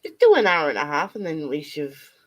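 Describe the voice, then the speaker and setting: A woman co-hosting a casual livestream chat over a video call, playful and quick to laugh. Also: low voice, wildly swooping pitch, rough recording. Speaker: co-host on a livestream.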